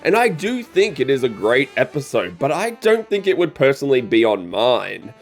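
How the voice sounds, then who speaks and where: A man's voice: medium pitch, sing-song, moderate pace, soft background music. A man hosting a review show, reading scripted narration and opinions. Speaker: host of episode review show.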